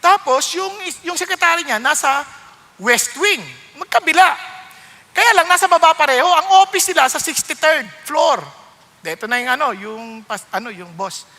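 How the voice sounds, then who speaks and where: Male pastor, high and very bright, big hall reverb; animated storyteller who drops into English scripture. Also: normal speed. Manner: animated storytelling, acting out voices of people in anecdotes; mixes English Bible quotes into Filipino preaching. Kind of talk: sermon.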